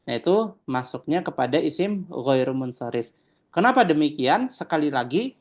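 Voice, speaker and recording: An online language teacher explaining grammar, drawing out each vocabulary word slowly before explaining it and often addressing the students as friends. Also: mid-range voice, lo-fi sound. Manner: draws out Arabic words slowly, then explains them.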